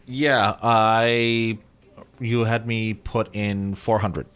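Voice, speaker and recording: A man's voice: on the low side, steady tone, very slow, fairly bright tone, smooth. A man playing a tabletop game, easygoing and fond of wordplay. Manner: joking, wordplay-prone, easygoing. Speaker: player. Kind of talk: casual tabletop chat.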